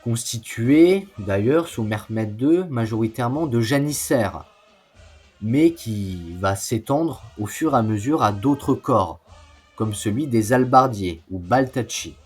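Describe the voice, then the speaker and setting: A man narrates history slowly and unhurriedly, his husky, rough-edged voice medium in pitch and darkish in tone with lively intonation. He explains in a semi-scripted style with informal asides, faint music playing behind him.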